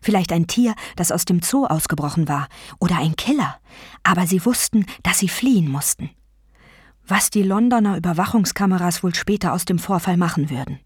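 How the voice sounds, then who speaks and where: A woman narrating an audiobook in a lively storytelling manner, with a slightly husky voice. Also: lowish voice, a little fast, dry recording, studio quality. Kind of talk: scripted narration.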